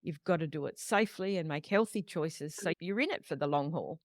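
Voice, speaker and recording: A woman's voice: deep voice, brisk, no room sound, studio quality. Affirming woman podcast host. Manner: affirming, summarizing, encouraging. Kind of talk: supportive interview.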